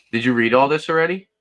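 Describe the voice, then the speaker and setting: A man's voice: medium pitch, fairly bright tone. A man hosting a casual live beer review, chatting and reading can labels aloud.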